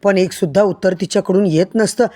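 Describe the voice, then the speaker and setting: A woman's voice: mid-range voice, fairly quick, dark tone. A woman retelling a TV serial episode to viewers, addressing them directly as she tells the story.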